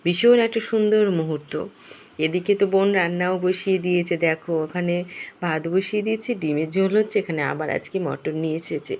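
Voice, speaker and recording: A young woman chatting to viewers in a casual family vlog at home, her voice slightly hoarse, filmed on a phone. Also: lowish voice, quick pace, darkish tone. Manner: chatty, addresses viewers directly. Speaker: vlogger. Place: home, indoors.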